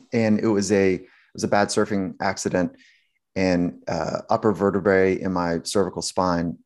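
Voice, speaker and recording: A man's voice: sits low, unhurried. A man, a sports psychologist, telling a story in a casual interview, acting out quotes with lots of restarts. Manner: animated storyteller, acts out quotes, many restarts.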